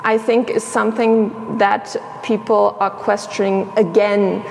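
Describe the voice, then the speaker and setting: A young woman curator who grew up in Sierra Leone and Tanzania, speaking in a measured, reflective way with many pauses in an interview. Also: mid-range voice, little pitch movement, vocal fry, darkish tone. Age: young adult. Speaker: museum curator, guest. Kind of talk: thoughtful interview conversation. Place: exhibition space indoors. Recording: reverberant hall with faint noise.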